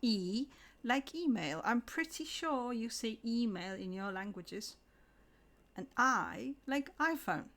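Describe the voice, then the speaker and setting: A woman's voice: on the high side, expressive, fairly bright tone. Woman teaching English, carefully enunciated. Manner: slow, careful enunciation of example words. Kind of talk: scripted English lesson.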